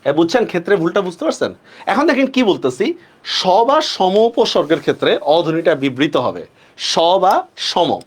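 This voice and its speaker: A male teacher leads a pronunciation lesson with a lively, rising and falling voice. He pitches it a little high. He slows right down on the key rules and keeps checking in with his students. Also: breathy edge. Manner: asks students frequent check-questions; stretches words slowly when stressing rules. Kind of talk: online class lecture.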